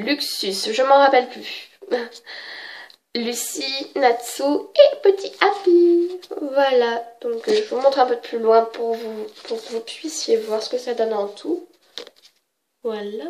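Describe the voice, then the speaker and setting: A woman's voice: fairly high pitch, a little hiss or hum. Chatty woman gushing over a book. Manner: chatty, gushing, unsure, self-correcting. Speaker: vlogger showing a book. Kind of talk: casual chat.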